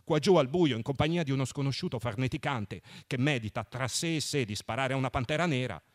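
A man voicing a sleepy, sullen young man who speaks quietly and coldly. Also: medium pitch, quick pace, natural voice. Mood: cold subdued. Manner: quiet, flat, subdued.

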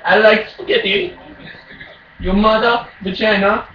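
A raging British gamer, male, with a high voice that swings animatedly up and down. He taunts and trash-talks his opponent at a slow, drawn-out pace. The sound is distant in an echoey room. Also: big pitch swings, muffled recording. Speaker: video game player. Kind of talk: trash-talking during an online football game. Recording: echoey room, distant mic, faint noise.

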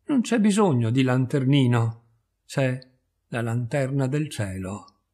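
A gloomy middle-aged cemetery keeper, as a man voices him in a low, subdued, bitter tone. The husky voice stays grave and heavy, as in a storybook reading. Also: animated, slow, dark tone.

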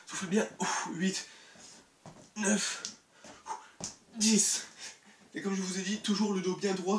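In his bedroom, a young man who makes fitness videos does a leg workout alongside his viewers, energetically counting reps and encouraging them between breaths. His high voice comes from a camera mic across the room, sounding distant and echoey with a little hiss or hum.

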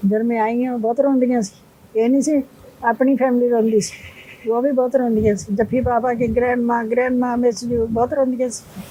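A woman's voice: on the high side, steady tone, fairly quick, mellow, slightly rough, rough recording. An older woman, telling her story plainly in an interview. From Punjab. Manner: plain storytelling, retelling others' words. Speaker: interview guest. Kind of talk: emotional interview.

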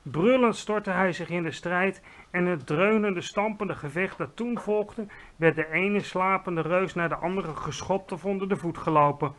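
Storybook narrator, man, fairly high voice, lively and expressive. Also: measured pace. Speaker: narrator reading a children's book aloud. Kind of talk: storybook read-aloud.

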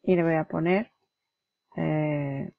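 Lady from doing a screen tutorial, chatty step by step, pretty dry dead sound, a bit of fry. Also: deep voice, steady tone, slow, no echo. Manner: chatty, explains step by step, mimics clicks and flips aloud. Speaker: tutorial host. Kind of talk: screen-recorded software tutorial. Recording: dull lo-fi dry recording.

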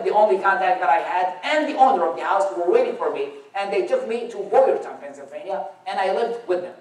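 Heard from a camera across a church auditorium, a high-voiced man from Iraq gives a guest testimony talk with wry, dry storytelling. Arabic is his first language, and his Iraqi accent rings through the hall's echo.

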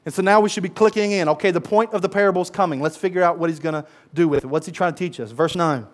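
A man with a fairly high voice preaches a sermon, lively and conversational in his delivery. He acts out the voices of the characters in his story and speaks directly to his congregation. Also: very fast. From United States. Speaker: pastor.

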